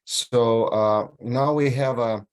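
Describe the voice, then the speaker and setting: A man from Ukraine, moderating an online panel over a video call, halting often with filler sounds and restarts. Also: mid-range voice, steady tone, smooth.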